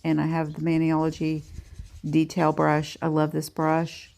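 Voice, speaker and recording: Low, gravelly, slow-talking woman vlogger. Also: completely flat delivery, darkish tone. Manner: chatty, self-deprecating. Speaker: nail art vlogger. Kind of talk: casual tutorial voice-over.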